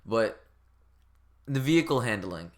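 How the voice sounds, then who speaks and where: A man with a mid-range, sing-song voice rants unhurriedly as a game reviewer, rambling and exasperated in a casual comedic way. His speech is informal and profane.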